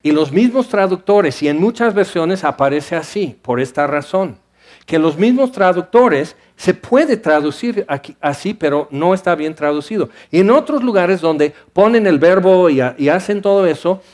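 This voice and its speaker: High-voiced preacher, animated. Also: male voice, normal speed. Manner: animated, acts out listeners' voices, shifts between loud and hushed. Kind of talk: sermon.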